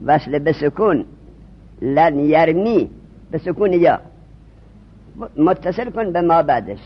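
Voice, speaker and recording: A man's voice: a little high, sing-song, husky. A man teaching a religious studies class, repeating key terms and quizzing his students with questions. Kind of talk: classroom lesson. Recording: dull lo-fi recording.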